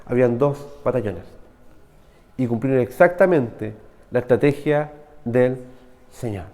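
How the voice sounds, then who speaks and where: A man's voice: mid-range voice, measured pace, a little mellow, big-room sound. A man with a Chilean Spanish accent preaching a conversational sermon, often asking his listeners "right?". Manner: conversational preaching, frequent rhetorical "¿cierto?". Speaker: pastor. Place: church hall.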